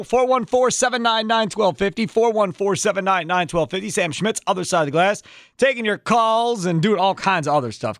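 A man's voice: high voice, fairly bright tone, no room sound, studio quality. A man hosting a live postgame sports call-in radio show, chatty and emphatic, repeating phrases.

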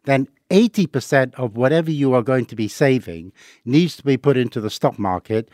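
A middle-aged Hong Kong man appears as a guest on a finance podcast, patiently walking through investing rules of thumb with worked examples. His mid-range, slightly dark voice is animated and moves at a moderate pace. The recording is clean studio audio with no room sound.

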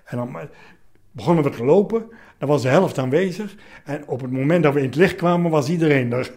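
A man, recalling his past in a casual interview, halting and anecdotal in short fragments. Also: fairly high pitch, a little mellow. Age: 70s. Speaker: interviewee, retired commando veteran.

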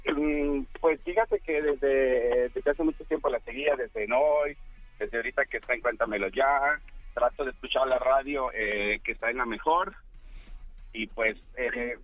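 A man's voice comes down a thin, phone-like line into a radio studio, with faint music behind. He talks with hesitant starts and fillers, clearly admiring the person he speaks to. His pitch sits in an ordinary middle range and the sound is dry and close. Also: a little slow, no room sound. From San Luis Potosí, Mexico. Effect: heard over the phone. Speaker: radio caller. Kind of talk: casual phone-in chat.

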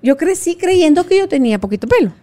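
A woman's voice: high-pitched, very animated, fast talker, mellow. A middle-aged woman hosting a podcast interview, thoughtful and telling personal anecdotes. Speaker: podcast host. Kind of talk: conversational interview.

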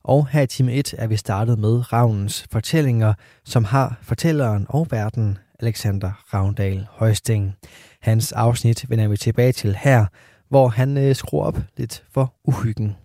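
A man's voice: mid-range voice, dark tone, dry recording, studio quality. A man presenting a radio show and introducing a podcast segment.

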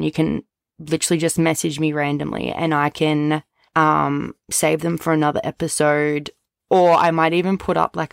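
On a low-quality USB mic that sounds close and dry with no echo, a young woman hosts a solo podcast in a deep voice marked by vocal fry. She chats casually, and "like" and "literally" come up often.

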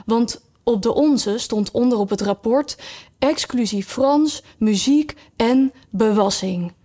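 Sighing sea creature, male, self-pitying, slow and drawn out, raised pitch, as a woman reads him. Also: mellow. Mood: mournful. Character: mournful sighing male Mock Turtle.

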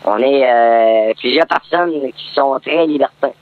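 A man calling in on a narrow phone line with his voice sped up like a tape on fast forward. He has a Québécois accent and speaks haltingly, often repeating words. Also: mid-range voice, dry recording. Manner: hesitant, stumbling, repeats words. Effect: sped-up voice disguise, like tape on fast forward. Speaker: anonymous radio caller. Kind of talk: casual confession on air.

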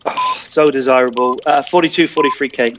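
A man's voice: mid-range voice, a little fast, noisy background. A man giving casual car value advice on a radio show, chatty and jokey with frequent restarts.

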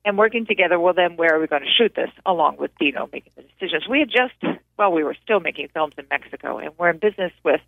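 A woman's voice: fairly low pitch, animated, fast talker, vocal fry, no echo. A woman film producer talks through her memories as an interview guest, chatty and full of restarts. Her voice arrives over a tinny phone line with a narrow band. It sounds dry and close. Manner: talkative, with frequent restarts and fillers. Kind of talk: casual interview recollection.

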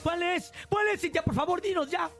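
A man's voice: very high-pitched, a little fast, fairly bright tone, faint music behind. A man with a Mexican accent co-hosting a morning radio show, reacting to jokes and reading out the call-in numbers. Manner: reactive, exclaiming, reads phone numbers.

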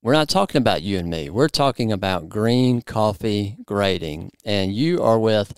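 A man's voice: fairly low pitch, expressive, moderate pace, smooth, no room sound. A man in his forties hosting a podcast, explaining in an upbeat, playful way and interviewing a guest. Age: 40s. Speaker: podcast host.

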